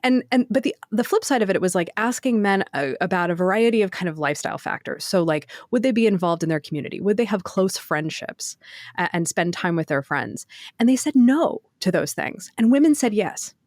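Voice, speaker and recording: A woman co-hosting a casual podcast discussion, animated and quick to laugh, acting out quoted answers. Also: mid-range voice, no room sound, clean studio sound. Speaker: podcast co-host.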